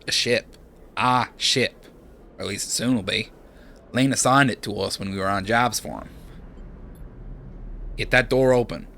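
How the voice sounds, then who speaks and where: A man's voice: lowish voice, unhurried, vocal fry, long pauses, pushed and bright, a little hiss or hum, heavily acted. A man voicing an anxious young male pilot on the run, with a put-on Australian accent and an urgent, frustrated manner. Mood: annoyed. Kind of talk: reading game dialogue aloud.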